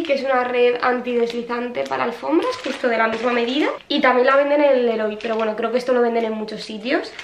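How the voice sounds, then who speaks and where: A young woman vlogger chats casually to camera in a home vlog, talking straight to her viewers with lots of fillers and asides. Her voice sits a little high, and the small home room sounds roomy and echoey, with slight background noise.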